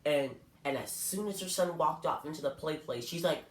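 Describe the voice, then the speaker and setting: A man's voice: a little high, normal speed. A young man from Canada telling personal stories to camera in an earnest, hurt, candid way. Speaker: vlogger. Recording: echoey room.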